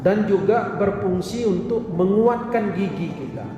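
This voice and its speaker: A man with an Indonesian accent teaching an evening religious study lesson in a mosque, slow and measured, reciting Arabic text and explaining it. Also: sits high, muffled recording, over music. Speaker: Islamic teacher. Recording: echoey mosque hall, distant mic.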